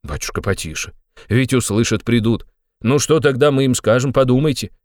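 A man's voice: medium pitch, normal speed, darkish tone, no echo, clean studio sound, natural voice. A man voicing a sly, fussy middle-aged male investigator who talks in a wheedling, fawning way with sly asides. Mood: alarmed.

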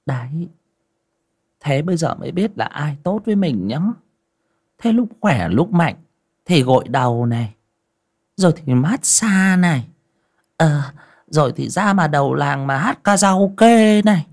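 A man doing a shrill nagging village wife. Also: animated, measured pace, creaky, pauses often, full character voice. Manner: scolding, sarcastic, shrill.

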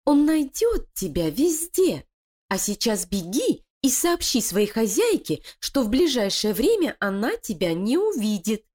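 Lady doing a sly scheming she-beast, high voice, cold and bossy, storybook villain. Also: big pitch swings, a little slow, a little mellow. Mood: threatening. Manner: cold, threatening, commanding. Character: scheming sly female animal plotter.

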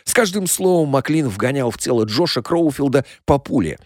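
A man narrating a crime audiobook in the first person, in an expressive, dramatic manner, on a close studio mic. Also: medium pitch, normal speed, no echo.

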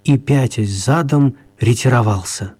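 A man tells a children's radio story as a wry narrator, expressive and mock-serious, pausing deliberately. His voice is medium-pitched with a breathy edge.

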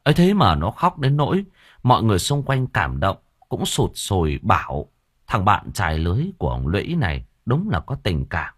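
A man narrating a novel as an audiobook, reading in a colloquial, expressive way with coarse asides. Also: on the low side, normal speed, husky, no room sound, studio quality.

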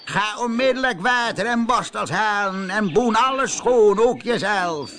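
A man voicing a mean, skinny farmer who never laughs and scolds in harsh, high shouts, in a storybook reading. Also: unhurried.

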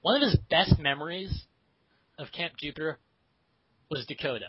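A young man co-hosting a casual book chat, dropping deadpan jokes. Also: on the high side, normal speed, slightly rough, dry recording. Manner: joking, deadpan asides. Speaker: podcast co-host. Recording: dull lo-fi recording.

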